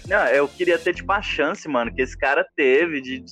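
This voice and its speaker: Guy on a podcast, amused, thinking out loud, music low behind. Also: normal speed, slightly rough. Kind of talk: casual chat.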